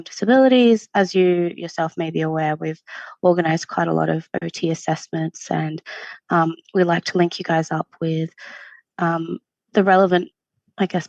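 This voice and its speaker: A woman's voice: on the low side, gravelly, a little mellow, no room sound. A woman from Syria working in university student support, answering interview questions in a friendly, earnest way with frequent ums. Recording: dull lo-fi stream audio.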